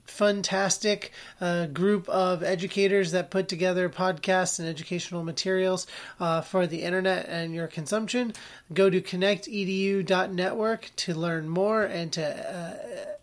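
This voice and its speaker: A man in his thirties with a stuffy nose from a head cold, hosting a casual podcast from a spare bedroom, relaxed and rambling with many fillers. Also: high-pitched. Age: 30s. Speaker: podcast host.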